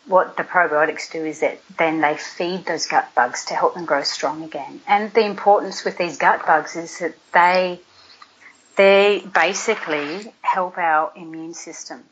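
A woman's voice: on the low side, steady tone, measured pace, a little hiss or hum. A middle-aged woman, a guest nutrition expert, explaining food and gut health in a chatty, practical way with everyday examples. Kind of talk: casual explanatory chat. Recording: dull lo-fi audio.

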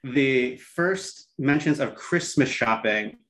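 A man's voice: mid-range voice, animated, slow, fairly bright tone. A man co-hosting a talk show, explaining in a casual, wry and irreverent conversational way. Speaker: co-host.

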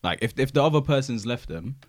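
London roadman guy, very animated pitch. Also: quick pace. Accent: London, urban roadman slang speech. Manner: slangy, expressive, tags questions with innit and fam. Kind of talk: casual group chat.

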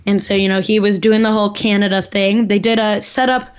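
A woman's voice: mid-range voice, steady tone, a little fast, clean tone. A woman co-hosting a podcast in casual chat, talking loosely and filling her sentences with "like". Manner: chatty, heavy use of "like". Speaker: podcast co-host. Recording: dull lo-fi sound.

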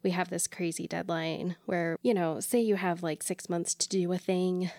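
A woman co-hosting a podcast, chatty and animated but tired, telling stories in a casual, self-deprecating way. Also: lowish voice, normal speed, no room sound, clean studio sound. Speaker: podcast co-host. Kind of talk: casual chat.

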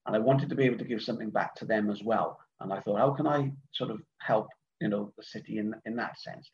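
A middle-aged Welshman from Cardiff, an event organiser guesting on a podcast, talks fast in a lowish, slightly mellow voice with vocal fry. He chats casually but rambles and hesitates, packing in ums, uhs and restarts. The remote online call gives the recording a dull, lo-fi quality.

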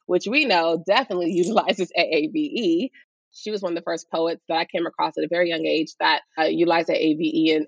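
A woman's voice: deep voice, gravelly, no room sound, muffled recording. A woman teacher, giving thoughtful, earnest and passionate interview answers. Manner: earnest, passionate about students. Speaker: high school or college teacher.

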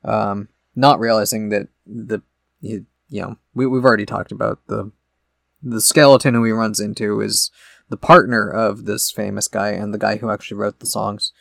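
A man's voice: lowish voice, fairly even intonation, normal speed, creaky, a bit bright, dry recording, studio quality. A man co-hosting a podcast in casual chat, rambling through explanations with many fillers. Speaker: podcast co-host.

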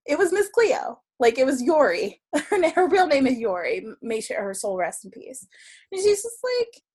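Chatty, laughing woman with a high voice. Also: normal speed, breathy edge. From South Florida region of the United States. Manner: chatty, animated, laughs often, many fillers. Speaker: podcast guest, tarot reader. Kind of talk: storytelling in casual conversation.

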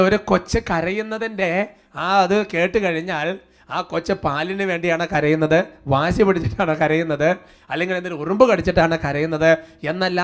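A man preaching a sermon, calling out for responses and quoting scripture. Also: high voice. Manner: fervent prayer, then steady teaching. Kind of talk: sermon with prayer and worship.

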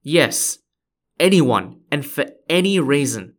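A man's voice: a little high, very animated, slow pace. Man narrating a history podcast. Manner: conversational, playful asides to listeners.

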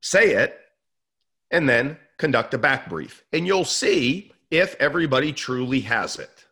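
A middle-aged man from the Northeastern US, a guest telling lively stories and acting out dialogue to explain leadership ideas. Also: medium pitch, unhurried, husky. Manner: energetic, acts out dialogue with kids. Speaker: podcast guest, leadership author. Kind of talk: animated storytelling in conversation.

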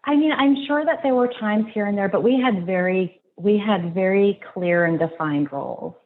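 A woman guest in an interview, reflecting slowly and haltingly, restarting her sentences. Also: mid-range voice. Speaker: podcast guest. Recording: tinny phone-like line, faint noise.

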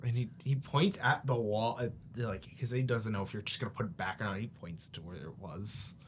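A man's voice: lowish voice, brisk. A man casually playing a tabletop role-playing game and narrating his character in a mild, hesitant way. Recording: clearly noisy room recording.

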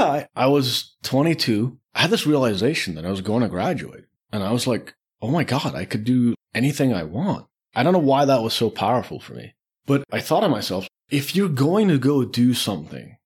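A husky, medium-pitched man in his forties, from Lebanon, the Czech Republic and the UAE, tells personal anecdotes informally on a podcast. He dramatizes the thoughts he remembers while talking.

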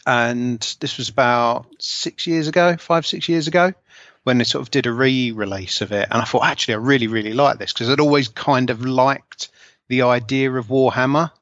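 Here a forties-aged Englishman from Essex, with the accent to match, talks about himself in a relaxed, self-mocking way while being interviewed about his life and scale modeling. The voice is medium-pitched and fairly bright at a moderate pace, with no room sound, though the recording is slightly dull and lo-fi.

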